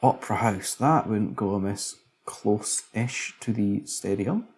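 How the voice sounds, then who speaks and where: A man's voice: lowish voice, unhurried, a little mellow. A man casually commentating a city-building game, musing aloud as he builds, tired late at night. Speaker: let's play commentator.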